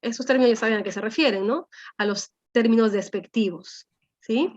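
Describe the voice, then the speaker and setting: A woman's voice: on the high side, moderate pace, darkish tone. A woman teacher, explaining a language lesson to her class and often checking in with her students through tag questions. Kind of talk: class lecture. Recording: dull lo-fi sound.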